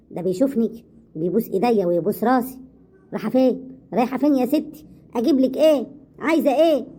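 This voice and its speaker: A woman with an Egyptian accent voicing a sharp-tongued older mother-in-law who scolds and mocks. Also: fairly high pitch, a little hiss or hum, natural voice. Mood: scolding. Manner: scolding, mocking, rapid.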